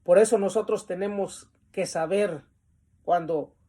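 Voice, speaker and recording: A man teaching a Bible lesson, reading definitions from the text and explaining them with pauses and the filler "este". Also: high-pitched, warm tone.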